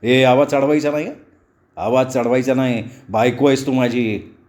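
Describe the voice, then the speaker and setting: A man voicing a hot-tempered, bullying young husband who scolds and taunts loudly. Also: mid-range voice, fairly even intonation, normal speed, natural voice. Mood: raging.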